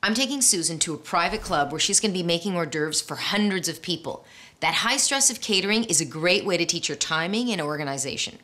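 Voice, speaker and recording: A woman's voice: fairly low pitch, expressive, brisk, pushed and bright. A woman in her forties, a cooking show host, upbeat and encouraging as she talks a home cook through a recipe in a home kitchen on a lapel mic. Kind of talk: cooking show instruction and voice-over. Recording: music bed under the voice. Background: music.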